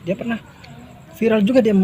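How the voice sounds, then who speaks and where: A man hosting a casual interview, asking quick questions and giving short affirmations. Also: sits high, steady tone, crowd noise. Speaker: host.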